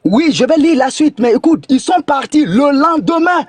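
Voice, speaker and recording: A man's voice: very high-pitched, animated, moderate pace, dry recording. A man in a religious debate who reads scripture aloud and insists on his point with pressing questions.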